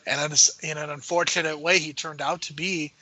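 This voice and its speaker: A man co-hosting a podcast, talking films in a measured way and often hedging his points. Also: on the high side, fairly even intonation, pushed and bright, dry recording, rough recording. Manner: measured, hedging with frequent "I think". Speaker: podcast co-host. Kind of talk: casual film discussion.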